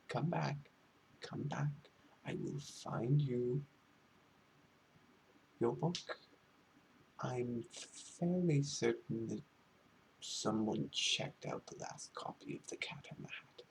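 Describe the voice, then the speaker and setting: A man playing a pretentious, fussy librarian in a whispered role-play, half-whispered and breathy, with halting, wordy, condescending delivery. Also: mid-range voice, a little hiss or hum, rough recording. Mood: flustered, eager. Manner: pompous, halting, theatrically wordy. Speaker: ASMR role-play performer.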